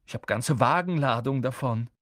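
A man's voice: medium pitch, moderate pace, fairly bright tone, no echo, clean studio sound, lightly acted. A man voicing an earnest, brave young boy wizard in an audiobook, urging and pleading. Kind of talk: audiobook character voice.

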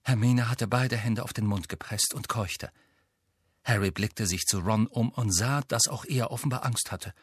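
A man reading a novel aloud with steady, even storytelling. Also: on the low side, moderate pace, slightly rough, no echo, clean studio sound. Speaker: audiobook narrator. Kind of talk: scripted narration.

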